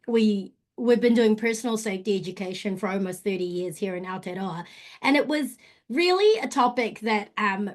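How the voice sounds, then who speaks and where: A woman originally from Malaysia giving a webinar presentation over a video call, relaxed and full of fillers. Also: medium pitch. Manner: relaxed, many fillers, mixes in te reo Māori phrases. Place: home in Auckland.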